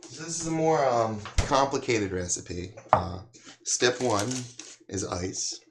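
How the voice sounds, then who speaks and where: A man's voice: medium pitch, animated, takes it slowly. A hungover man hosting a casual live cooking chat, rambling and talking to himself as he works. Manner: rambling, talks to himself while working. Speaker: cooking livestream host. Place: home kitchen. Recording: noisy room with clicks and clatter.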